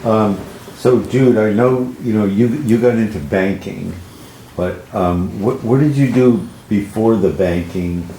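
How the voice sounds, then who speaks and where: A man's voice: on the low side, unhurried, dark tone, a little hiss or hum. A man interviewing a relative, asking questions hesitantly with restarts. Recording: echoey room.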